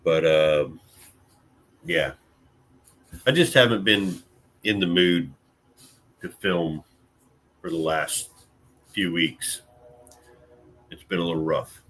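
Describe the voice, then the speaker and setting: Casual live-stream banter from an Illinois, USA man, easygoing and wandering, thick with fillers and the odd mild curse word. His low-pitched voice is a bit bright, moving at a slow pace with long pauses.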